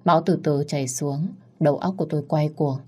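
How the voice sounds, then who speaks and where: A woman's voice: low-pitched, steady tone, a little fast, dark tone, slightly rough. A woman narrating a dramatic family story in the first person.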